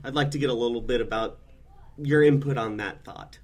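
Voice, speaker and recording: A man's voice: mid-range voice, a little fast, a little mellow. A man co-hosting a wrestling podcast, talking earnestly and asking questions with dry sarcasm. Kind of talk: podcast interview.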